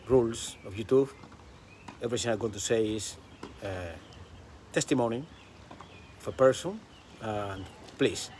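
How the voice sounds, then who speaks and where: A man vlogging outdoors by a pool, telling a story in an animated, casual way and slipping into English. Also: mid-range voice, a little hiss or hum.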